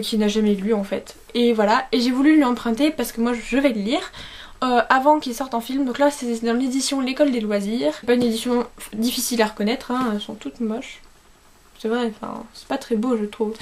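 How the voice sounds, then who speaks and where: A woman's voice: sits high, a little mellow. A young woman chatting informally in a book haul vlog, correcting herself and stressing her words with repeated intensifiers. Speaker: book vlogger.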